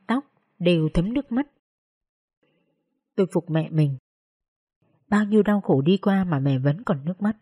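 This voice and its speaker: A woman with a Northern Vietnamese accent, slowly and tenderly narrating a sorrowful story in the first person. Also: fairly low pitch, dark tone, slightly rough, no room sound, studio quality.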